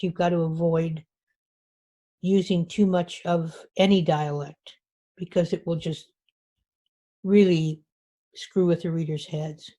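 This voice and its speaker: In a meeting room, a woman author with a lowish, darkish-toned voice gives an informal talk to a writers group. She speaks conversationally and restarts frequently.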